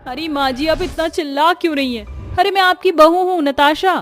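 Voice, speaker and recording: A woman's voice: sits high, moderate pace, a bit bright, voice pushed up. A woman voicing a patient, sensible young daughter-in-law in a cartoon story, pleading and scolding. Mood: pleading, exasperated.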